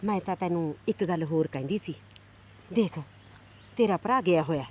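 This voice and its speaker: Playing a troublemaking middle-aged aunt in a village drama, a woman nags and coaxes in a loud voice. Her natural delivery is lowish in pitch and comes at a normal speed.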